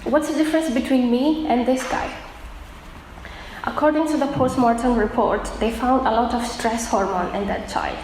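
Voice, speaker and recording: A woman from Afghanistan giving an earnest personal testimony, pausing often with fillers. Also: on the high side, darkish tone. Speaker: testimony speaker. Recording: echoey room with faint noise.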